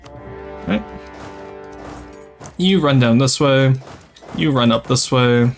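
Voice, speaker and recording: Taking it slowly in a creaky, medium-pitched voice, a young French Canadian man from Quebec, Canada talks over soft background music. He has a light Québécois accent and is a streamer chatting casually with viewers while playing a strategy game, chattily reading and answering chat throughout the casual gameplay livestream.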